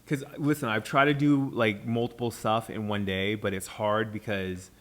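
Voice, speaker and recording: A man's voice: fairly low pitch, steady tone, normal speed, fairly bright tone. A man hosting a casual chat, coaching his co-host on acting, with many fillers and restarts.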